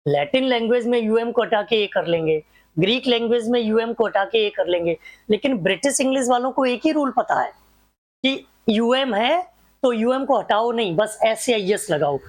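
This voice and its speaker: Slow, drilling grammar teacher, woman. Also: on the high side, expressive. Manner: repetitive drilling, rhetorical questions, slowly spelled-out examples. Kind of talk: classroom grammar lecture.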